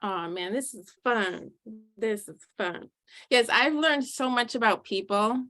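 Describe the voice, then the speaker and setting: A middle-aged woman, a doula hosting a podcast, chatting casually and telling animated stories with frequent laughs. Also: on the high side, a little slow. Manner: animated storyteller, laughs often.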